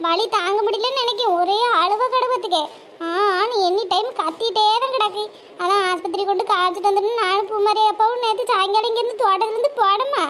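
A woman voicing a chatty village woman, talking briskly. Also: very high-pitched, a bit bright, a little hiss or hum. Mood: worried. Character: chatty village woman fretting over her cow. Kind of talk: cartoon voice acting.

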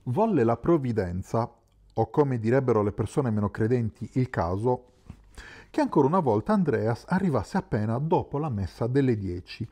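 A man narrating a literary novel as an audiobook in a calm, measured way. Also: medium pitch, slightly rough. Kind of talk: scripted narration.

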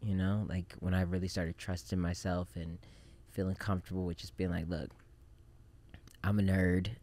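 A man in his thirties who grew up in Japan, a film director talking as a podcast guest in a relaxed, reflective way with many fillers, on a studio mic. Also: deep voice, moderate pace. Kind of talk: casual interview chat. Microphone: studio mic on boom arm.

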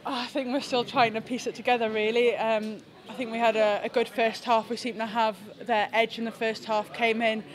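A young woman, a rugby team captain, giving a halting, reflective post-match press interview indoors into handheld mics held close. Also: on the high side, level tone. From England. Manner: reflective, halting with frequent restarts. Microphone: several handheld press mics close to her face.

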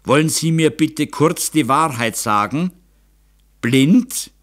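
Man doing an aging count, impatient, commanding, brusque, loud and raised. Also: medium pitch, lively intonation, normal speed, pitched above the performer's own voice, lightly acted. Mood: grave. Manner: brusque, commanding, rising to anguish. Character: proud aging count, impatient, newly blinded.

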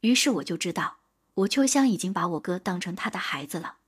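A woman narrating an audiobook in a steady, measured storytelling manner. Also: fairly low pitch, breathy edge.

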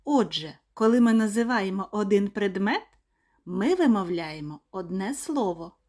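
Woman, kindergarten teacher, very slow and clear, melodic rise and fall. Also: medium pitch, lively intonation, darkish tone. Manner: clear, deliberate word-by-word pronunciation. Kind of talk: slow, sing-song lesson for small children.

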